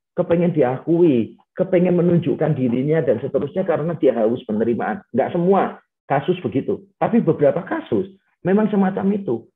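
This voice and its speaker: Man talking over a tinny call line. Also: fairly high pitch. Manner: conversational, mixes in English phrases, frequent "gitu" fillers. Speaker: pastor giving a webinar talk. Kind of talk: casual teaching talk. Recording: tinny phone-like webinar audio.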